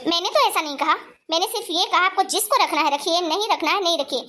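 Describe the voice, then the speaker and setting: A woman's voice: very high-pitched, fast, sharp tone. A woman voicing a hard-working young wife in a cartoon story, earnest and indignant as she defends herself. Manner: earnest, indignant, pleading her case.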